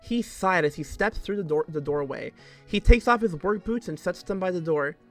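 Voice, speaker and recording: A man's voice: high-pitched, normal speed, faint music behind. A man streaming himself as he reads fan fiction aloud, breaking off for joking asides and laughing often.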